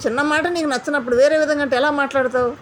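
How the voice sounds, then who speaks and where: A woman recapping a reality show in an indignant, animated commentary, mimicking the housemates she quotes. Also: high-pitched, very fast, slight background noise.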